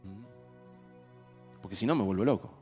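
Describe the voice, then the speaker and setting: Speaking at a normal speed in a lowish voice, a male pastor gives an animated, conversational sermon full of acted-out everyday exchanges. Soft music plays in the reverberant hall where he is recorded.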